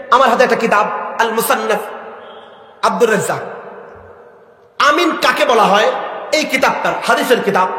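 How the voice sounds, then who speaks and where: A high, bright male preacher addresses a live congregation and keeps calling on the crowd to answer him. His voice rings through a large, echoey hall with a long tail of reverb. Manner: asks the crowd questions and has them answer. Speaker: Islamic preacher.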